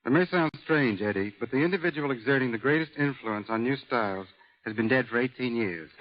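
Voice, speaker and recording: On a dull old broadcast recording, a man with a mid-range voice appears as a guest expert on a radio show. He reads scripted answers in a measured, matter-of-fact way.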